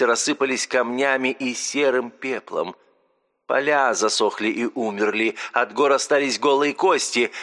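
A man reading a first-person novel aloud with a hushed, intimate, drawn-out delivery. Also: medium pitch. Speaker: audiobook narrator.

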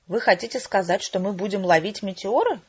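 A woman voicing a cool-headed undercover man with a wry manner, husky on a dull lo-fi recording. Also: mid-range voice, a little fast, natural voice. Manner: calm, wry. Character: cool-headed male undercover agent with a pipe.

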